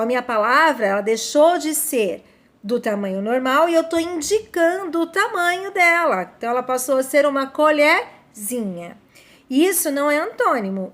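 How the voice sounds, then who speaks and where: A Brazilian woman teaching a Portuguese lesson to young children, with a slow, emphatic manner and frequent checks like "né?". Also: high-pitched. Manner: warm, slow, emphatic, often asks "né?" and "tá?". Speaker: primary school teacher.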